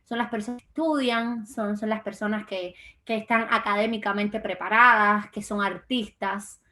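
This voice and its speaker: A woman's voice: mid-range voice, fairly even intonation, normal speed, bright, forceful tone. A young woman from Cuba, a guest in a political interview, speaking with frequent fillers and restarts. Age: young adult. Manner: hesitant, many fillers and restarts. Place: lives in Florida.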